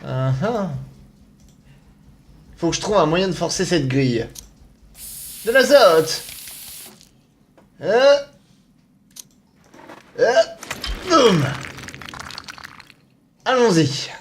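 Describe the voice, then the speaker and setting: A man's voice: sits high, big pitch swings, very slow, pauses often, slight background noise. A man giving casual, playful commentary as he plays a video game, exclaiming and muttering to himself. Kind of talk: casual let's-play commentary.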